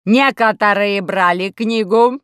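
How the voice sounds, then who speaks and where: A woman voicing a gloomy, grumbling robot shaped like an old safe, speaking slowly and loudly. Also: mid-range voice, smooth, dry recording, studio quality, voice pushed up, close to an everyday voice. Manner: grumbling, slow and loud.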